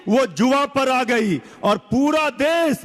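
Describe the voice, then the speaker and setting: A man's voice: extremely high pitch, animated, takes it slowly. A man speaking as a panelist in a televised debate, making impassioned and rhetorical points with strong emphasis. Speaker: political panelist. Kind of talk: heated TV debate. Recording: long reverb.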